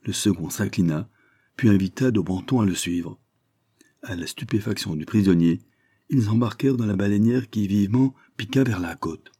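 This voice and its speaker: Low, husky male storyteller. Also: warm tone. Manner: measured, literary. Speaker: narrator. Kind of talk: reading a classic short story aloud.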